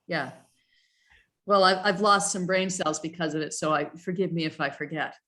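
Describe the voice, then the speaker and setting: A woman's voice: lowish voice, moderate pace, sharp tone. A woman on staff leading a town commission's review, reading regulation text aloud and thinking it through with hesitant fillers and restarts over a video call.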